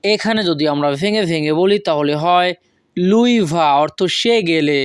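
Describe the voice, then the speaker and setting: A woman teaching a language lesson from a script, saying each phrase slowly and breaking it into single words. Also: fairly low pitch, smooth, dry recording, clean studio sound. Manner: slow, careful, spells out words one by one.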